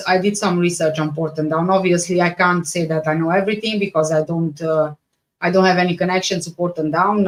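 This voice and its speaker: A Romanian-accented woman from Romania hosts a casual livestream, answering viewers haltingly and frequently repeating or rephrasing herself. Her voice is fairly low in pitch.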